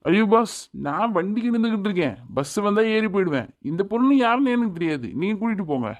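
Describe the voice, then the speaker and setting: A woman's voice: medium pitch, lively intonation, fast talker, lightly acted. A woman voicing a grumpy, dismissive young businessman in a cartoon. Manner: irritable, offhand, dismissive. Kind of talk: cartoon voice acting.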